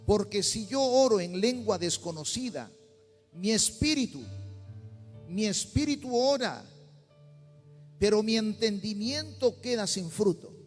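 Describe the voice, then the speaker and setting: In a large hall with faint background music, a male pastor from Peru delivers a sermon in a Peruvian Spanish accent, growing more intense and erupting at times into speaking in tongues. He has a high, expressive voice, keeps a measured pace and pauses often, all within a church sanctuary.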